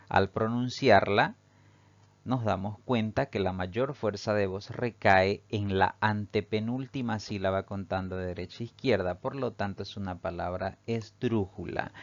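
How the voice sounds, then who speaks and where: A man teaching a grammar lesson, explaining slowly and methodically and repeating the same phrases. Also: lowish voice, no room sound, dull audio.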